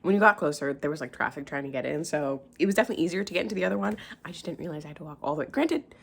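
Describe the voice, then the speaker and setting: A woman's voice: low-pitched, expressive, rapid-fire, creaky, husky. A young woman vlogging in casual chat, gushing and chatty with lots of filler words.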